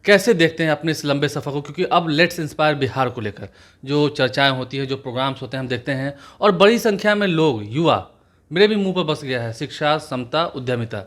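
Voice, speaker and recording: A man's voice: a little high, expressive, brisk, a bit bright. A man interviewing a guest for a news channel, pressing him with follow-up questions.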